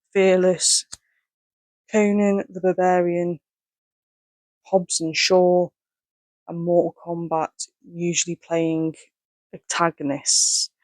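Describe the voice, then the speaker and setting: A man speaks from inside a rubber mask in a fairly high, flat voice with a very dry, close sound. He sounds hot and short of breath as he reads a biography aloud, stumbling and correcting himself between casual asides. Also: no echo. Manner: halting, stumbling reading with self-corrections. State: hot, finding it hard to breathe. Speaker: presenter.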